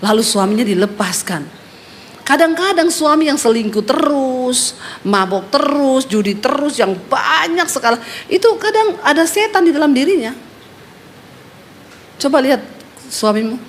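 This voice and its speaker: A woman's voice: high voice, moderate pace, a little hiss or hum. A woman pastor preaching a sermon, telling stories vividly and addressing her congregation directly and sternly. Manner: lively storytelling, acting out quoted voices.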